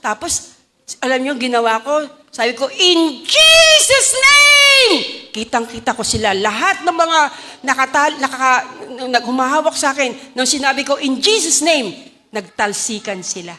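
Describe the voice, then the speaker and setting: A woman with a Filipino accent preaching a testimony sermon, telling stories with animated calls to the congregation. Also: sits high, normal speed.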